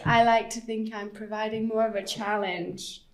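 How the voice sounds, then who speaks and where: A woman's voice: a little high, level tone, measured pace, echoey room, slight background noise. A woman from England with an English accent, co-hosting a casual podcast chat as an English teacher, joking and laughing often.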